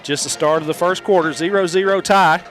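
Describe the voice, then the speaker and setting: A man's voice: high voice, steady tone, a little fast, fairly bright tone, faint music behind. A man joining the booth as a guest commentator, joking and easygoing while calling plays. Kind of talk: casual commentary. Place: outdoor high school stadium. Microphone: headset.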